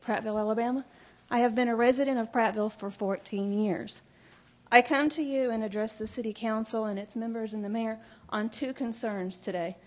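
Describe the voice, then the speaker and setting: A woman's voice: a little high, a little mellow. A nervous woman addressing a city council during public comment, earnest and stumbling over a few words. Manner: earnest, a few slips and restarts.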